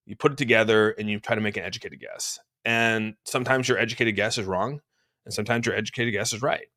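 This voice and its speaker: Fairly low in pitch yet fairly bright, his voice carries a relaxed, rambling crypto stream recorded at home. He talks over charts, fields questions from chat, sounds a bit congested, and says "dude" often.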